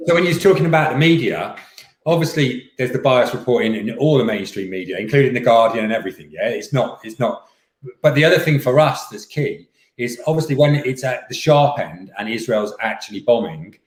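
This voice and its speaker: A man's voice: mid-range voice, lively intonation, brisk, roomy sound. A man activist speaking as an interview guest, insistent, tagging questions onto his points and repeating phrases. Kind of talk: interview talk.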